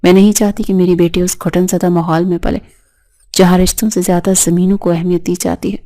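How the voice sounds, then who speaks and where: A woman's voice: fairly low pitch, level tone, mellow, lightly acted. A woman reading as a stern, wounded young mother. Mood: bitter reproach. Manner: firm, reproachful. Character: proud hurt young mother, stern but trembling.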